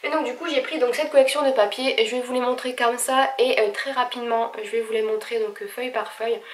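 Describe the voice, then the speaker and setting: A woman with a blocked nose, talking a bit higher than most and hesitating often. She sounds set back from the mic, her voice echoing in a room with faint noise behind it. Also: steady tone, quick pace, recorded from a distance. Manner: chatty, many hesitations, gushing. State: stuffy nose, speaking with effort. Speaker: vlogger. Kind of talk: casual haul video.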